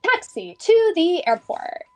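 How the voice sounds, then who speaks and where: Squeaky cowardly schoolboy, very animated, slow and word-mangling, for a vintage radio comedy. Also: male voice, exaggerated voice. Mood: boastful. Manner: reads own stage directions aloud, mangles words. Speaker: comic character. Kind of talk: 1950s radio comedy acting.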